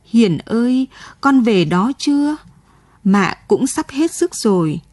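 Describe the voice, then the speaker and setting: A woman voicing a grieving elderly mother in a radio story, speaking in a tearful, pleading way with a husky tone. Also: a little high, very animated, slow, a little mellow, no echo, exaggerated voice. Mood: sobbing.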